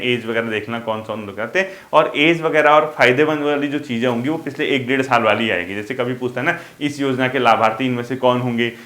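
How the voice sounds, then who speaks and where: A man's voice: mid-range voice, fairly bright tone. A young man teaching an exam-prep lesson casually, repeating key points with emphasis and mixing in English terms.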